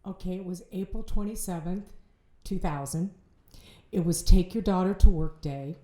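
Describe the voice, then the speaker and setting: Middle-aged woman, dark roomy voice. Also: fairly low pitch. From Ohio, United States. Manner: halting, with restarts and repeated words. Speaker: bereaved mother, podcast guest. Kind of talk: emotional personal storytelling. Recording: roomy echo.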